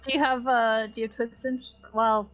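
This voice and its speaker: A woman's voice: on the high side, little pitch movement, brisk, fairly bright tone, dull audio. A woman taking part in a tabletop game, talking casually with the game master.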